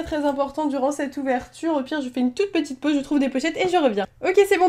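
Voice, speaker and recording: A young woman chatting casually as she opens trading card packs at home, hesitant and full of fillers but excitable. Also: high voice. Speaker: YouTuber opening trading cards. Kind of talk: casual card-opening commentary.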